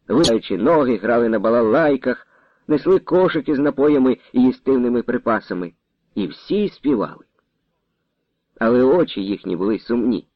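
A man reading a historical novel aloud as narrator, with an expressive storytelling manner. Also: mid-range voice, no echo, dull audio. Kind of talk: audiobook reading.

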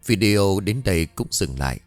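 Low-voiced male horror storyteller. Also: animated, normal speed, no echo, faint music behind. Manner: dramatic storyteller. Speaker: narrator.

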